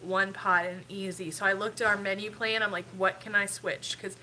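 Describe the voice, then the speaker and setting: Hosting a family live stream, a middle-aged woman with a stuffy, sniffly nose rambles chattily with frequent ums. Her medium-pitched voice is bright and forceful, fairly even, and at normal speed, on a low-quality recording with slight background noise.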